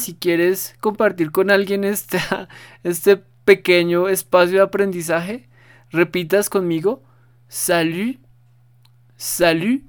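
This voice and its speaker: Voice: mid-range voice, clear, resonant tone. Patient podcast language teacher. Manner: patient, repeats words for practice. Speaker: podcast host teaching French. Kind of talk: casual spoken lesson.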